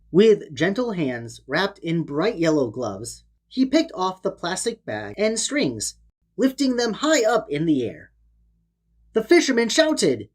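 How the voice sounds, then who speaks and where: A woman gives an expressive, theatrical read-aloud of a children's storybook as its narrator. Her voice is on the low side, husky, with a darkish tone.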